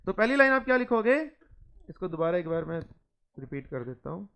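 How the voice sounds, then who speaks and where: High-pitched lecturer reading slowly. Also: male voice, big pitch swings, vocal fry, a bit bright, clear, resonant tone. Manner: reads English lines slowly, then explains them in Hindi. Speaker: teacher. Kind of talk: classroom lecture.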